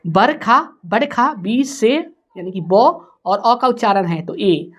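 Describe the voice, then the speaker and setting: Woman, teacher, very slow, spells out letter by letter, mid-pitched voice. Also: lively intonation. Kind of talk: spelling lesson for students.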